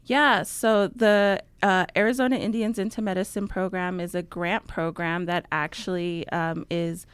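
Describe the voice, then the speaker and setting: A young woman from New Mexico talks as a radio interview guest, her voice smooth and slightly low. She fills her sentences with ums and laughs easily. The studio sound is dry and close. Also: steady tone, measured pace, few pauses, no room sound. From Navajo, New Mexico. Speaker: guest, outreach coordinator. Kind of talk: casual interview talk.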